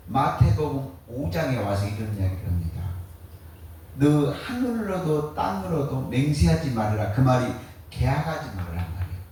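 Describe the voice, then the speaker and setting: A man's voice: on the high side, slight background noise. A man preaching a sermon as pastor, firing rhetorical questions and answering them in a colloquial, joking way. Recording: very echoey, distant mic.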